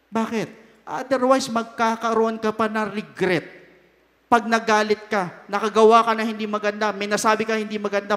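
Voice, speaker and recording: Filipino male preacher, very high voice, long hall echo, emphatic sermon delivery. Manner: emphatic, swings between loud and soft; mixes Tagalog and English.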